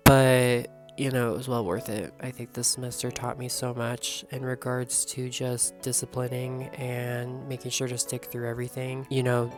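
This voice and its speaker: A young woman vlogging casually, hoarse and coughing, rambling excitedly and swearing freely. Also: extremely low pitch. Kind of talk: casual vlog talk. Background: background music.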